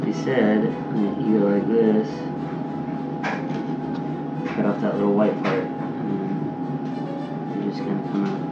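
Speaking slowly with long pauses, a man with a fairly low, fairly flat voice coaches and teases his partner as she cooks in their home kitchen for a casual vlog. Recorded from a camera across the room, away from the mic, the audio is distant, echoey and dull, with music behind.

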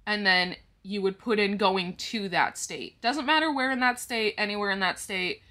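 A woman's voice: mid-range voice, moderate pace, pushed and bright. A woman vlogging about her budget, explaining each step to viewers in a casual way and counting money aloud as she goes. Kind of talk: casual talk-through to the viewers.

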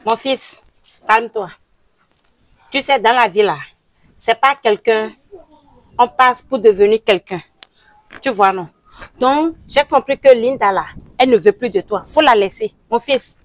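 Woman playing a shrill scolding village mother. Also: measured pace, long pauses, lightly acted, rough recording. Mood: coaxing. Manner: emphatic, repeats questions insistently.

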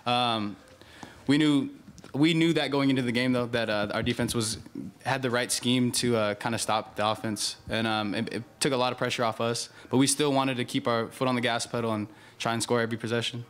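A man's voice: medium pitch, fairly even intonation, fairly quick, fairly bright tone, clear, resonant tone. A young man, a senior college football player, answering post-game press conference questions in an easygoing, chuckling way. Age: young adult. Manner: easygoing, laughs often, loose fillers. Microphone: table mic.

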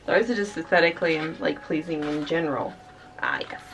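A woman's voice: deep voice, lively intonation, brisk, vocal fry, fairly bright tone, recorded from a distance, a little hiss or hum, rough recording. A young woman from Australia gushing and chatting casually while unboxing albums for her vlog, full of fillers and sighs. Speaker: K-pop reaction vlogger.

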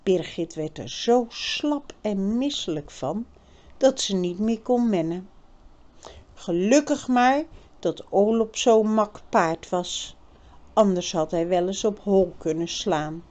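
A woman reading a children's novel aloud, narrating in a measured, expressive way. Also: medium pitch. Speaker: audiobook reader. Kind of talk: storybook narration.

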